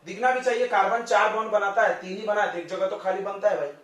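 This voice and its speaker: High-voiced male teacher in an echoey classroom. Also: steady tone, a bit bright. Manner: chatty, jokes with students, asks quick questions. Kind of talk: classroom chemistry lesson. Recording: very echoey classroom, distant mic.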